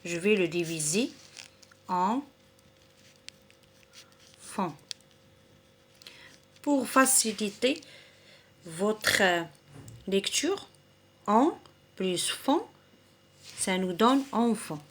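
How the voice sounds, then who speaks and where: A woman teaching a recorded reading lesson for children, saying each word slowly, splitting it into syllables and repeating it patiently. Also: mid-range voice, lively intonation, a little hiss or hum. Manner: slow and deliberate, splitting words into syllables.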